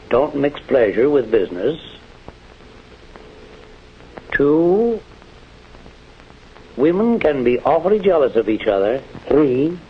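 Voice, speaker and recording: Middle-aged American senior manager, 1940s training film, avuncular and measured, dull old soundtrack. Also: male voice, mid-range voice, a little hiss or hum. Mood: lecturing. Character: genial, condescending senior plant manager advising a foreman. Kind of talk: 1940s instructional film acting.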